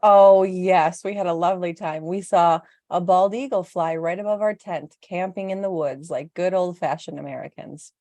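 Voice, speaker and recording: Woman, podcast host, casual chat, playful, lower voice. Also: warm tone, no echo. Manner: playful, quick to laugh.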